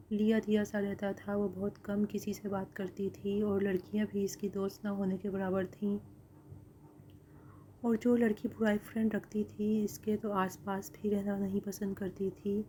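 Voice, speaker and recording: Woman narrating a story in a mellow voice. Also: mid-range voice, flat delivery, a little hiss or hum.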